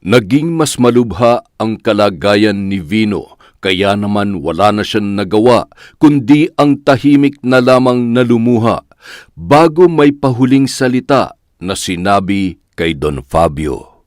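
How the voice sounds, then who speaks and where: A man narrating a scripted horror story in a measured, dramatic storytelling way. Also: lowish voice, lively intonation, no echo, studio quality.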